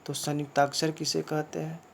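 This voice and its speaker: A man teaching a grammar lesson, explaining slowly and repeating points, often asking a question and then answering it himself. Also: on the high side, monotone, gravelly, slight background noise. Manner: slow, repetitive explaining with rhetorical questions. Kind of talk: classroom lesson.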